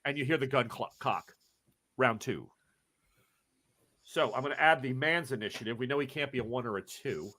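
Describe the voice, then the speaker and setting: A man's voice: mid-range voice, moderate pace, pauses often, sharp tone. A man running a tabletop game as game master, narrating and calling rules in a casual, rambling way. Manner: casual, rambling rule calls with fillers.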